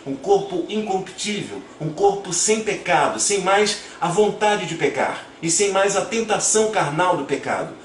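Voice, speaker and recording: A man, earnestly explaining Bible verses one by one as a preacher. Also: high voice. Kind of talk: Bible teaching narration. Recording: roomy echo, distant from mic, faint noise.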